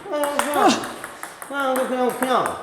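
This coach's voice is extremely high, with lively intonation and a moderate pace, as he chuckles and talks animatedly while showing table tennis strokes. The large indoor hall gives an echo, and background noise includes the click of balls.

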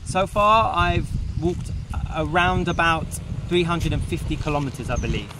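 A man in his thirties, a foreign walker on a long trek, talking in a casual roadside interview outdoors, halting with many fillers. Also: a little high, background noise. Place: outdoors on a rural road.

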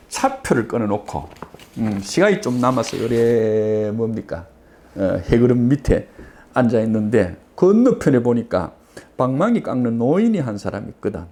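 A middle-aged man tells an old tale as a lecturer, in a Gyeongsang dialect accent. His pitch moves up and down in a lively way. He talks in a folksy manner, full of fillers. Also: gravelly. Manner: animated, folksy retelling with many fillers. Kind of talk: storytelling lecture.

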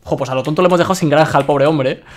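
A young man from Spain chatting excitedly while streaming a game and reading his chat aloud. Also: fairly high pitch, very fast, faint music behind. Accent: Spain Spanish. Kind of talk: live-streamed gameplay commentary.

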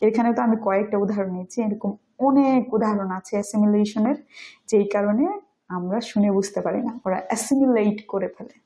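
A woman whose first language is Bengali, teaching English pronunciation in a video lesson and saying example words slowly. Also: medium pitch, mellow, low-quality recording. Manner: explains step by step, demonstrates English words slowly.

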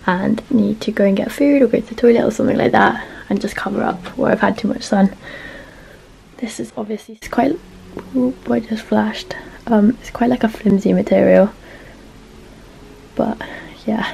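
A young British woman talks casually to her camera at home, rambling and poking fun at herself. Her voice is warm and mellow with a lot of vocal fry. She keeps filling pauses with "um" and "but yeah". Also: medium pitch, poor audio. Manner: chatty, self-mocking, trails off with "um" and "but yeah". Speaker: vlogger showing a clothing haul. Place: at home trying on clothes in front of a mirror.

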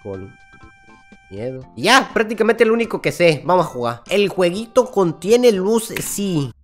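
Jumpy Mexican man gaming, yelling when startled. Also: high voice, big pitch swings, unhurried, faint music behind. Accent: Mexican Spanish. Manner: jumpy, swears a lot, yells and laughs when startled. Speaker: gaming YouTuber. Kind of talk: horror game let's play commentary.

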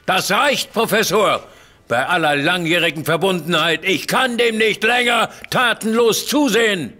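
An actor playing a blustering, suspicious army general who accuses others loudly, in a radio play. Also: male voice, high voice, a little slow.

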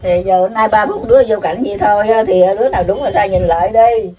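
An older woman with a Southern Vietnamese accent, rambling on in a lecturing, scolding way, full of drawn-out filler sounds. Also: mid-range voice, warm tone. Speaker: self-proclaimed spiritual elder receiving visitors. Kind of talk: rambling, preachy monologue.

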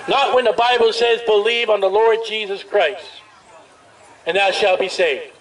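A high-voiced male street preacher is heard from some distance at a busy outdoor street festival, amplified through a portable speaker. He is loud and emphatic, hammering out drawn-out phrases over the ambient noise.

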